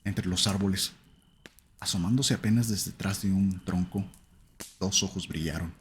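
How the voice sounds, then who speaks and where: A man narrating a first-person horror story in a slow, somber, suspenseful way. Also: deep voice, slight background noise.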